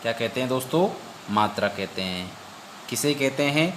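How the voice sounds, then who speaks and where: A man teaching an exam-prep lesson. He recites verses slowly and repeats each point as a question he then answers. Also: medium pitch, animated, background noise.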